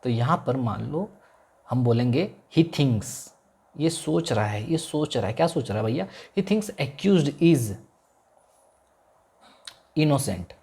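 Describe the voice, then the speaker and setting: Male law teacher, mellow and husky, repeats every key term as a question. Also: medium pitch. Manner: repeats key terms as call-and-response questions; mixes in English legal phrases, drawn out slowly. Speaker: law lecturer. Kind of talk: classroom lecture.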